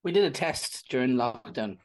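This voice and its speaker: A man, a comedian guest trading dry, deadpan jokes in casual chat. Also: mid-range voice, moderate pace, poor audio. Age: 30s.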